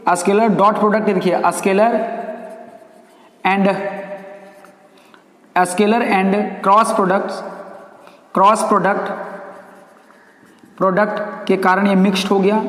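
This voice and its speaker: A man teaching a math class, who repeats key terms and asks questions that he answers himself. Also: high-pitched. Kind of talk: classroom lecture. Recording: echoey room with long reverb.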